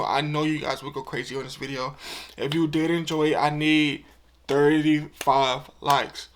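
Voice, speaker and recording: A young man of twenty talking to camera in a heartfelt, emotional vlog, earnest and casual, often repeating himself. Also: a little high. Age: 20s. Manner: casual slang-filled talk. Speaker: YouTuber.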